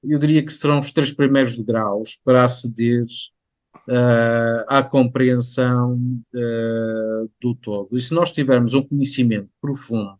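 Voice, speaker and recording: Slow, halting Portuguese man. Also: mid-range voice, steady tone, darkish tone, no room sound. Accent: European Portuguese. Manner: hesitant, many drawn-out fillers. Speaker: guest scholar. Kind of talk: interview conversation.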